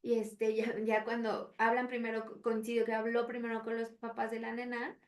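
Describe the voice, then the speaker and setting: A woman with a Mexican Spanish accent, co-hosting a parenting podcast as a psychologist, telling stories in an animated way with acted quotes. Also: a little high, moderate pace, recorded from a distance. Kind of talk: casual podcast chat.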